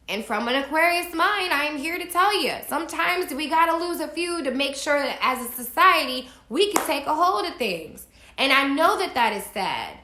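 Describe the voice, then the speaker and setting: A woman's voice: sits high, bright, forceful tone. A woman vlogging from home, giving emphatic, preachy spiritual advice straight to her viewers and swearing casually. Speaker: astrology vlogger. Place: indoors at home. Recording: echoey room.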